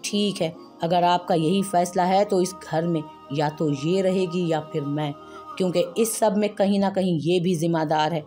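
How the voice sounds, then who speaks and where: A woman's voice: lowish voice, fairly even intonation, moderate pace, mellow, faint music behind, lightly acted. A woman voicing an angry young husband in a storybook reading, curt and commanding. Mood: bitter.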